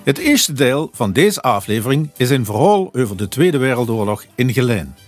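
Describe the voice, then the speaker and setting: A man's voice: mid-range voice, very animated, normal speed, soft background music. A man with a broad southern Dutch Limburg accent, hosting a podcast and interviewing.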